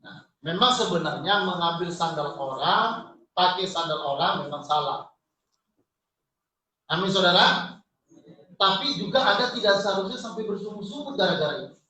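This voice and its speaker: High, bright-voiced preacher man in echoey hall. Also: moderate pace, long pauses. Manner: lively, jokey preaching with congregation call-outs. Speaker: pastor. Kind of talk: sermon. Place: church hall. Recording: echoey church hall from far off.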